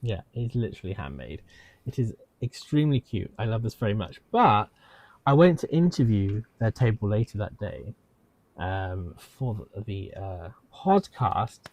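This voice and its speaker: Animated man, dry close sound. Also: fairly low pitch, moderate pace, dry recording, dull audio. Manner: animated and playful, hosting segments. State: unwell, voice strained. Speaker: podcast co-host. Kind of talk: casual podcast chat.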